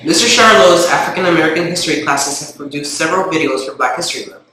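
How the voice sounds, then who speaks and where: A man's voice: a little high, fast, bright, forceful tone. A man reading a list of school announcements, heard over a school intercom. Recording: echoey intercom with faint background hiss.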